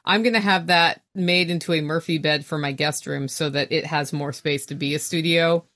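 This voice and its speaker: Lower-voiced woman chatting from inside a small trailer. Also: fairly even intonation, normal speed, a bit bright. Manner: informal, chatty, plain-spoken. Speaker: podcast guest, homesteader. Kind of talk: casual conversational interview. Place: inside a small camper trailer used as studio.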